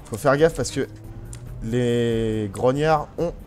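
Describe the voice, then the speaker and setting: A man's voice: medium pitch, slow, a little mellow, soft background music. A man hosting a let's play, chatting casually as he plays, taunting enemies and exclaiming often. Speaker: gaming channel host.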